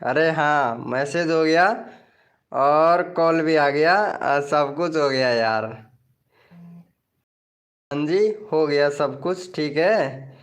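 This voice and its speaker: A man's voice: a little high, takes it slowly, pauses often, clear, resonant tone. A man chatting casually on a livestream, greeting viewers by name and repeating his phrases as he reads out their comments. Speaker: live streamer greeting viewers.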